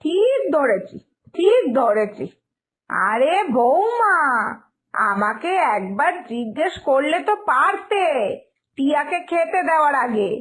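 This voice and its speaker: A woman voicing a stern middle-aged mother-in-law who scolds slowly in a lowered voice, for a cartoon story. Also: sing-song, a bit bright, full character voice. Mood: explaining.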